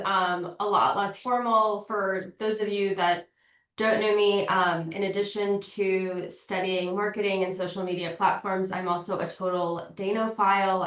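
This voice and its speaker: A woman's voice: medium pitch, fairly bright tone. A woman who is a marketing professor, giving an informal online lecture while nasal from a cold. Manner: informal and chatty. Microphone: video call. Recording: echoey, distant from the mic.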